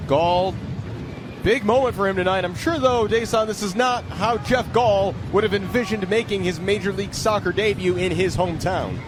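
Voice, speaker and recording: At a moderate pace, a man with a high voice commentates a soccer game live on radio from an outdoor stadium. Heavy stadium noise sits in the background of the recording.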